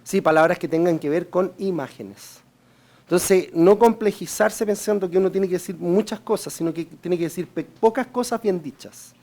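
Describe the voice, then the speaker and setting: A man with a Chilean Spanish accent gives a seminar-style sales training lecture in a high voice with a darkish tone. He coaches the audience directly, repeatedly checking in by asking "right?"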